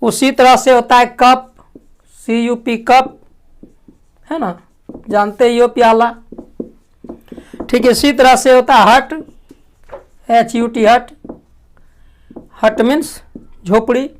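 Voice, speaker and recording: A woman teaching a language lesson, asking questions and answering them herself, clearing her throat often. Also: on the high side, steady tone, slow, long pauses. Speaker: English teacher. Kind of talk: classroom lesson.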